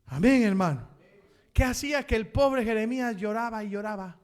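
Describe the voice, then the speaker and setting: A man, preaching a sermon. He calls out to the congregation as brother and repeats amen, and he swings from loud, impassioned passages to quiet asides. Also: high voice, expressive, normal speed. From Chile. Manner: impassioned preaching that rises to shouts, then drops to quiet asides. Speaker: pastor.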